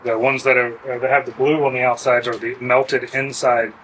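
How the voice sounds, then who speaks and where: A man who grew up with pottery, explaining in a relaxed, easygoing way and laughing easily. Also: mid-range voice, moderate pace, poor audio. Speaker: potter and kiln site host. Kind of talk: casual interview. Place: outdoors at a kiln festival. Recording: outdoor festival with crowd behind.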